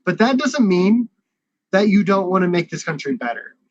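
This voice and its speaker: A man's voice: high voice, big pitch swings, no room sound. A man talking with passion in a casual online panel discussion, often stopping and restarting his sentences. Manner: impassioned, halting with many restarts. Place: at home at a computer. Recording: dry, muffled web call audio.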